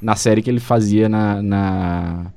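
A Brazilian man with a Brazilian Portuguese accent talks in a low, steady register. He recommends a show in relaxed chat, stumbling and restarting often as he picks his words. The sound is close and dry, with almost no room. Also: measured pace, vocal fry, no room sound. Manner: hesitant, frequent restarts and fillers. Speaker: show co-host recommending series. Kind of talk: casual chat.

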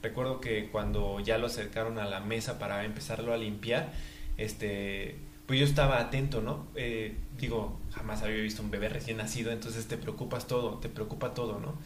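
A young man, chatting as a guest in an interview, halting with many fillers and breaking into laughs. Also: fairly low pitch, flat delivery, roomy sound, a little hiss or hum. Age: young adult. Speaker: guest, new father. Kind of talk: casual interview chat.

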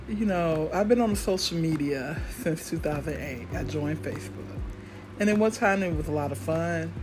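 Blunt American woman rambling over music. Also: sits low. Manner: blunt, freely profane, cynical. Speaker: podcast host. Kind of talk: casual solo rambling monologue.

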